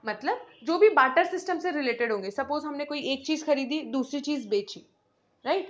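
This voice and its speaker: A woman's voice: sits high, expressive. A woman lectures on accounts, walking through examples and asking and answering her own questions. The recording is dull and lo-fi. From India. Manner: explains step by step, often asks and answers her own questions; mixes in English terms and reads English definitions slowly. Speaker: accounts teacher. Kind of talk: classroom lecture.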